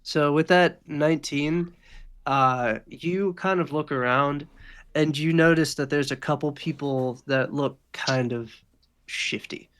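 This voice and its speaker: A man's voice: fairly high pitch, slow, a bit bright, clear, resonant tone. A man narrating a tabletop game as game master, in a loose, laid-back way.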